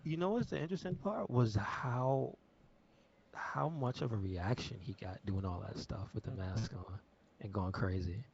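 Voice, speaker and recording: A man co-hosting a podcast in casual chat, easygoing and hesitant with drawn-out phrases. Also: on the low side, vocal fry, darkish tone, a little hiss or hum. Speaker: podcast co-host. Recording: dull lo-fi podcast audio.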